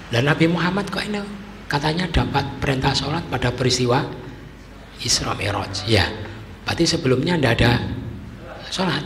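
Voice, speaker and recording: A man giving a conversational sermon, often asking his listeners rhetorical questions. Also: medium pitch. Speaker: preacher. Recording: echoey hall with faint noise.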